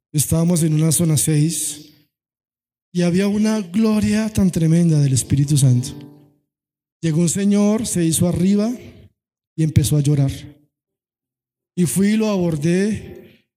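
Male pastor, high-pitched but mellow, passionate sermon delivery, long hall reverb with faint music under him. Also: normal speed, long pauses. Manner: impassioned preaching, swinging from soft to shouted, some sung phrasing.

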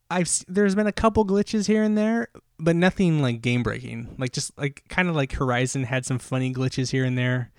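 A man's voice: medium pitch, no room sound, clean studio sound. Breathless rambling male podcast host. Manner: rambling and enthusiastic, many fillers and restarts. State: slightly out of breath. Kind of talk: solo podcast chat.

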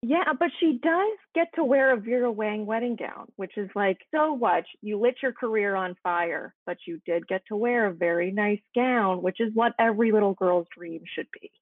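A woman's voice: medium pitch, normal speed, few pauses, no room sound. A woman in her twenties chatting sarcastically as a podcast co-host, with lots of "like" fillers. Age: 20s. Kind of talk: casual podcast chat. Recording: tinny phone-like line.

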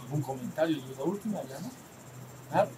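Mexican guy teaching a small group, keeps asking if they got it, soft rumble in the background. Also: animated, brisk. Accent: Mexican Spanish. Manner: conversational, asks the group for assent, acts out little dialogues. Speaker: spiritual teacher. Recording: faint rumble behind.

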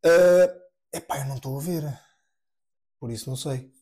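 A man's voice: fairly high pitch, normal speed, mellow. A man with a European Portuguese accent co-hosting a podcast, chatting casually and swearing freely. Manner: laid-back, swears often. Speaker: podcast co-host. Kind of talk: casual chat.

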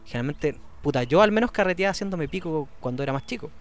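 A man's voice: a little high, animated, fast. A Chilean man co-hosting a podcast, chatting casually with friends and tossing in jokes. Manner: jokey interjections. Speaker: podcast co-host. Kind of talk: casual chat among friends.

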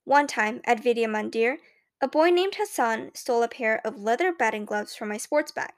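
A woman reading a children's novel aloud in the first person, with clear, expressive storytelling. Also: fairly high pitch, normal speed. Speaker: audiobook narrator. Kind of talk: scripted first-person audiobook narration.

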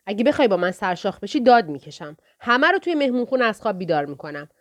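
A woman's voice: mid-range voice, very animated, natural voice. A woman voicing a frightened but stubborn teenage boy with a shaky, tearful voice in a storybook reading. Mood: defiant.

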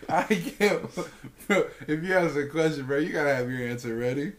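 A man's voice: medium pitch, fast, crowd noise. Slangy frat bro guy chatting. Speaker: podcast host. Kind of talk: casual chat.

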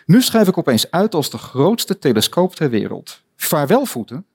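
A man's voice: on the high side, very animated, moderate pace, a little mellow, husky, pitched above the performer's own voice, full character voice. A man reading aloud as a young girl from a storybook, astonished and fretting over her faraway feet. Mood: fretful.

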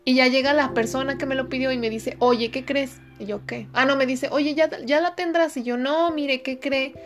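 A woman's voice: high voice, fairly even intonation, moderate pace, soft background music. A young Mexican woman telling gossip in a casual chat, swearing freely and acting out dialogue. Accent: Mexican Spanish.

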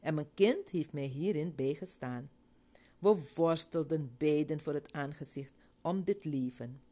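A woman's voice: low voice, a little slow, mellow. A woman voicing a weary, devout mother who speaks in an earnest, heartfelt way.

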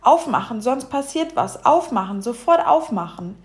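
A woman voicing a grumpy, fussy little male bumblebee in a children's storybook, gruff and scolding. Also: medium pitch, moderate pace, a little mellow, natural voice. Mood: cross. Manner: gruff, scolding, rhymes when cross. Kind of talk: storybook reading.

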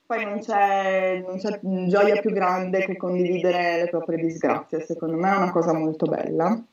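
A woman's voice: fairly low pitch, little pitch movement, moderate pace, darkish tone. Female host, thirties, chatty and joking, casual group talk, roomy sound set back from the mic. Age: 30s. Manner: jokey, chatty. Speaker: host reading listener contributions. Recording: echoey, dull, distant mic.

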